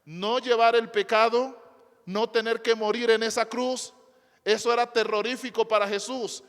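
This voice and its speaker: A man's voice: very high-pitched, steady tone, moderate pace, fairly bright tone. A male pastor preaching to a congregation, emphatic, repeating phrases and asking rhetorical questions. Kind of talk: sermon. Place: church before a congregation. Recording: long hall reverb.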